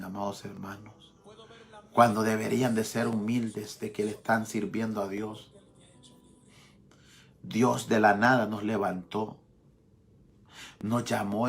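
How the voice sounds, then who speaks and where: A man's voice: on the low side, gravelly. A man preaching a Pentecostal sermon as pastor, fervent and repeating his address to the congregation. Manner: impassioned preaching, repeats "amados hermanos". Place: church.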